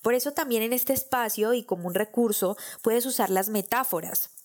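A woman hosting a podcast, teaching public speaking in a clear, measured, explanatory way. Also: fairly high pitch, a little mellow. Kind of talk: scripted podcast lesson.

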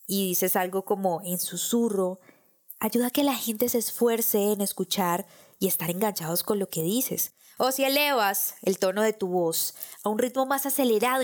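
Woman, podcast host, scripted lesson, clear measured delivery, mid-pitched voice. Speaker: podcast host teaching public speaking.

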